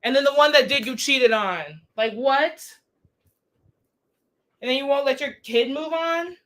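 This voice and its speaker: A woman's voice: high-pitched, a bit bright. A young woman livestreaming a casual rant, blunt and profane, firing off exasperated rhetorical questions. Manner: rhetorical questions, drawn-out emphasis.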